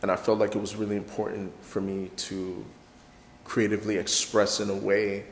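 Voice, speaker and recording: A man's voice: fairly low pitch, little pitch movement, normal speed, reverberant, big-room sound, a little hiss or hum. A man from Canada, a poet and guest, talking in a reflective and hesitant way, with many fillers. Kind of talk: spoken word performance then casual interview talk.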